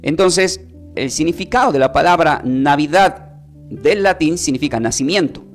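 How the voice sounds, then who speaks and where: A man teaching a Bible lesson, slowly spelling out and repeating words for his listeners. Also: on the high side, faint music behind. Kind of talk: sermon.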